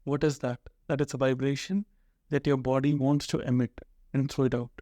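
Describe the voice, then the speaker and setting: A man's voice: mid-range voice, level tone, a little fast, warm tone, dry recording. Thoughtful male podcast host. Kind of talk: casual conversation.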